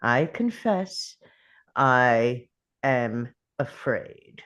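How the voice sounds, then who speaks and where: A performer plays a clever, brooding alien man who travels through time, in a sci-fi drama read. The delivery is slow and deliberate, with pitch that swings widely. The character ponders aloud theatrically. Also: animated, a bit bright. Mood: grave, confessional. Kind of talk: dramatic script table read.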